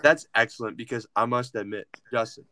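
A man's voice: mid-range voice, brisk, bright, forceful tone, no room sound, studio quality. A man co-hosting a comedy talk show, speaking in a pompous, mock-formal, old-timey way. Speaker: podcast co-host. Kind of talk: comedic banter.

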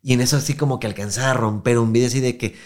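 A man's voice: mid-range voice, fairly even intonation, very fast. A young Mexican man hosting a podcast, telling a story in slangy casual chat and acting out the voices he quotes. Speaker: podcast host.

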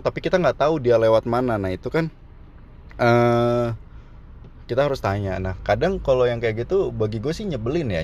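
A man's voice: medium pitch, darkish tone, a little hiss or hum. Joking young man. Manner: joking, slangy, laughs at his own jokes. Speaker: vlogger. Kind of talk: casual comedic monologue. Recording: dull, slightly muffled recording.

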